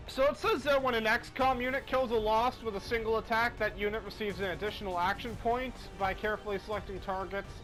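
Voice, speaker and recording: High-voiced man rambling over gameplay. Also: rough recording. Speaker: gaming commentator. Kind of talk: casual gameplay commentary. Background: faint game music.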